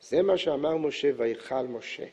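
A man's voice: fairly high pitch, warm tone, slightly rough. A male religious teacher explaining scripture and midrash, quoting verses and unpacking them. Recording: echoey hall, dull lo-fi sound.

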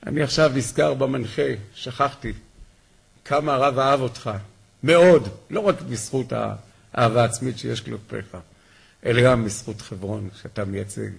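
A man giving a memorial talk, telling heartfelt, animated stories about his rabbi. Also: mid-range voice, vocal fry, husky.

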